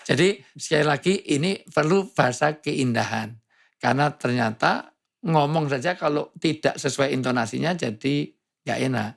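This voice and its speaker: A male preacher chatting on a talk show with a gravelly, husky voice pitched a bit high. He jokes and plays with sounds as he makes his points. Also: expressive, moderate pace. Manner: joking, playful, imitates sounds. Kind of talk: humorous preaching in conversation.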